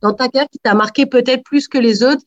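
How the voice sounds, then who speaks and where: A woman's voice: high voice, fairly quick. Woman interviewer, slightly dull recording. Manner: long, careful questions with many hedges. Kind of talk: interview questions.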